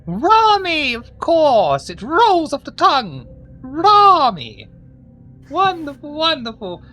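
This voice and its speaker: Woman playing an effusive old grandma, high and swooping. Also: wildly swooping pitch, takes it slowly, a bit bright, faint music behind, heavily acted. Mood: delighted, welcoming. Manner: effusive, fussing, repeats words. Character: doting, excitable old grandmother vampire hostess.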